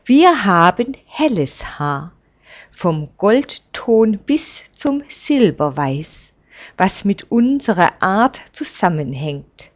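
A woman reading aloud and voicing an old male envoy who speaks in a firm, measured, reproving way, on a dull lo-fi recording. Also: medium pitch, big pitch swings. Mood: commanding.

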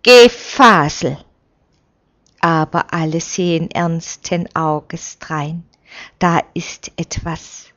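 A woman reading a story aloud in a slow, solemn way. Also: deep voice, completely flat delivery, highs cut off. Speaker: narrator. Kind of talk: reading aloud a religious novel.

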